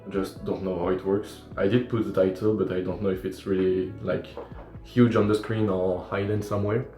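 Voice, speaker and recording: A young man with a French accent and a fairly low voice chats loosely through a livestream as he works, rambling, restarting his sentences and poking fun at himself. The room is echoey and faint music plays in the background. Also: moderate pace. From France. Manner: relaxed, rambling, self-deprecating, many fillers and restarts. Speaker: cosplayer and makeup livestreamer. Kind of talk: casual livestream chat while doing makeup. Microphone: phone or tablet livestream.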